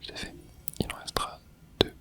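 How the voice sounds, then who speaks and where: Asmr gamer whispering super quiet like its late at night, rambling along while playing, close mic. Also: normal speed. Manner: casual and rambling, thinking aloud while playing. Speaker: video creator and streamer. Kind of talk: whispered ASMR gameplay commentary.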